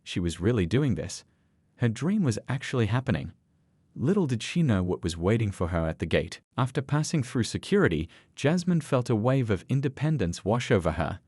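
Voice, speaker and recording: A man narrating a scripted story in an expressive storytelling manner. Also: lowish voice, moderate pace, breathy edge, dry recording, studio quality.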